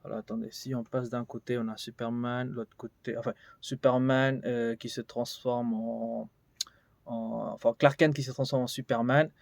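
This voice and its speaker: A man's voice: medium pitch, level tone, moderate pace, vocal fry, no room sound. A man giving a casual vlog tour of his collection, rambling and thinking aloud with many fillers. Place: indoors in a collection room.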